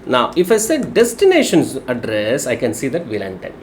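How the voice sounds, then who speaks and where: A man's voice: medium pitch, huge pitch swings, moderate pace, noisy background. A man with a Telugu Indian English accent giving a live technical lesson, explaining step by step and often checking understanding with short tag questions. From Telugu-speaking region of India. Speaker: technical instructor.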